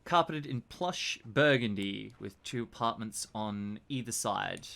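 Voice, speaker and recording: A man narrating a tabletop horror game as game master, describing scenes with measured pacing and occasional fillers. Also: on the low side, expressive, creaky, sharp tone.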